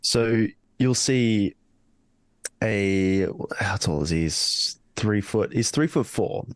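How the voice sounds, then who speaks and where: A man's voice: lowish voice, takes it slowly, dry recording. A man playing a tabletop game, describing his character. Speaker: player.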